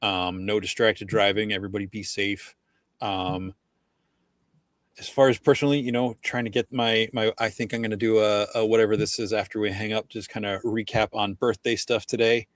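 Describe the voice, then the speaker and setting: A man's voice: lowish voice, level tone, moderate pace, no room sound. A man in his forties co-hosting a casual chat, rambling with lots of fillers. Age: 40s. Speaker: co-host.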